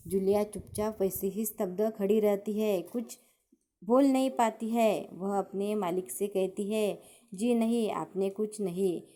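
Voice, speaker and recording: Woman teacher going through a lesson really slowly, warm mellow tone, reads a line then explains it. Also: mid-range voice. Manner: reads quoted dialogue then explains it plainly. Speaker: school teacher.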